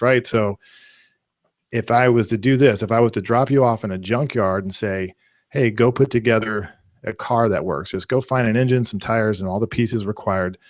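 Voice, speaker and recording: A man presenting a live online marketing class, talking in an energetic, conversational way with analogies. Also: fairly low pitch, no room sound, studio quality. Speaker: webinar presenter.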